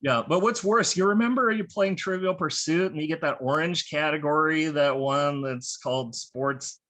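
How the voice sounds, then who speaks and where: An American man doing self-deprecating stand-up comedy over a video call, halting with fillers and restarts. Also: a little high, fairly bright tone. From United States. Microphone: video call from home.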